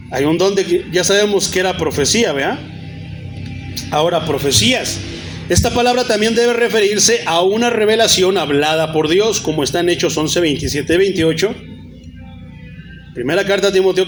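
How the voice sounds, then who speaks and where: A man preaches in a notably high voice. He keeps calling the congregation brother and reels off chapter and verse. Faint music plays underneath. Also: normal speed. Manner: addresses listeners as brother, cites many Bible verses. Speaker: pastor. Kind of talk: sermon.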